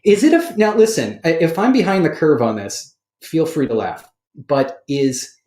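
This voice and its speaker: A man's voice: a little high, moderate pace. A man hosting a podcast in casual chat, rambling and correcting himself as he goes. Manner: rambling, self-correcting, animated. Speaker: podcast host. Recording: roomy studio echo.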